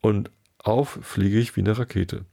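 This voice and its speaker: Guy doing a squeaky little lizard, weak and flustered, kinda gravelly. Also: fairly even intonation, unhurried, warm tone. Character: small, timid, flustered male lizard.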